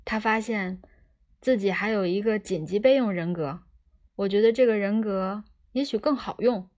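A woman reading the lines of a brash, impatient two-headed male space rogue, blunt and loud. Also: medium pitch, normal speed, lightly acted.

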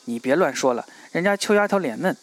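A man's voice: a little high, lively intonation, quick pace, lightly acted. A man reading the lines of a village woman who probes coaxingly. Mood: probing. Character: probing sister-in-law, village woman.

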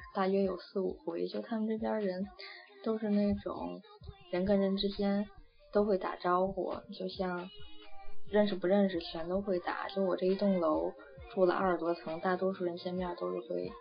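A woman's voice: medium pitch, flat delivery, moderate pace, creaky. A young woman from China chatting casually and rambling, with many fillers and restarts. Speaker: interviewee. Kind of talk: casual chat. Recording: dull lo-fi audio with faint music.

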